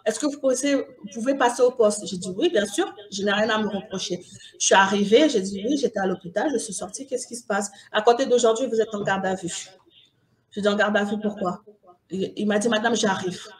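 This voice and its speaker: A woman's voice: medium pitch, brisk. Woman giving an emotional personal testimony. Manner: emotional, repeats and restarts, quotes others in dialogue. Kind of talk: personal testimony, recounting events.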